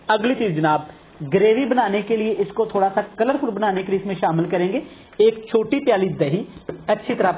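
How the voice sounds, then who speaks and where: Male cooking host, calm instructional delivery, narrow lo-fi sound. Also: high-pitched. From Pakistan. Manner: calm, methodical, addresses viewers politely as sir and brothers and sisters. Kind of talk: step-by-step recipe instruction. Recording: phone-like narrow band.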